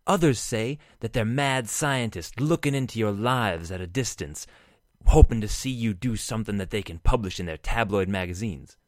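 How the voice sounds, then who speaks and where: A man playing a solemn lore keeper, telling a mock-spooky campfire legend in a slow, dramatic, ominous way. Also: on the low side, animated, dry recording, studio quality, close to an everyday voice. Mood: ominous, mysterious.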